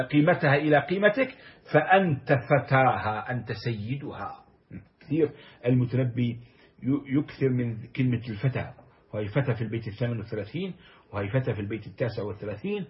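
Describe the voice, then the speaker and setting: A man giving a lecture on classical poetry, reciting verses and then explaining them word by word. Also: medium pitch. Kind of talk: recorded lecture. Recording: dull lo-fi lecture recording.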